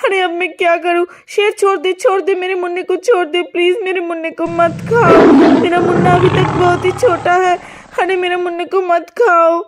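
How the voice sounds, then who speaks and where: A woman's voice: very high-pitched, a little slow. A woman voicing a desperate young mother who begs tearfully for her baby in a children's cartoon. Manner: tearful, imploring. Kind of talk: cartoon voice acting.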